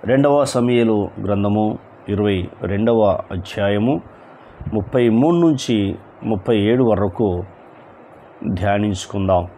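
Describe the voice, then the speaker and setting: Male pastor, slow deliberate sermon delivery, faint noise behind. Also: lowish voice, warm tone. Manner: preaching with repeated rhetorical questions and sudden emphatic rises. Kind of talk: evening sermon.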